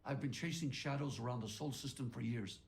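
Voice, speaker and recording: An actor playing a rugged, weary space patrolman in a video game, with a wry, gravelly voice. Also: mid-range voice, a little fast, lightly acted. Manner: wry, plain-spoken.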